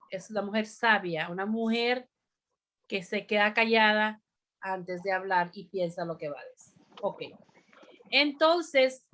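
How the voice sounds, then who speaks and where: Slow, deliberate woman teaching a bible lesson. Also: a little high, a bit bright. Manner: slow, deliberate, repeats "amén" and asks the group questions. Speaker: women's ministry teacher.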